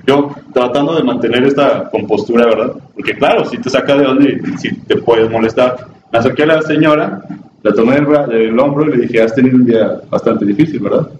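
A Mexican-accented man gives a conversational talk to an audience, often turning to the listeners with questions. He is picked up from some way off in an echoey room. The sound is dull and muffled, with steady noise underneath. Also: mid-range voice, a little fast. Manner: chatty, asks the audience questions, acts out quoted people. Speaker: psychologist giving a talk. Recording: distant, dull, noisy, roomy recording.

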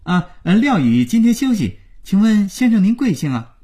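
A man's voice: high-pitched, big pitch swings, measured pace, warm tone, voice pushed up. A man voicing a flustered young male office clerk who speaks nervously and apologetically.

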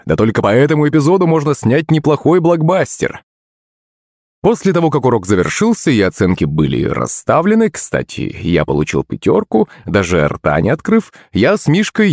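A man's voice: on the low side, darkish tone, no room sound, studio quality. A man reading a first-person audiobook story in a wry, ironic manner.

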